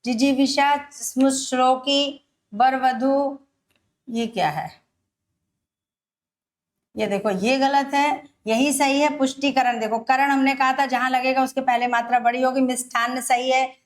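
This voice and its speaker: A woman teaching Hindi grammar for an exam, explaining step by step and repeating words slowly. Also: high voice, steady tone. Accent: Rajasthani Hindi. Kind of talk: exam-prep grammar lesson.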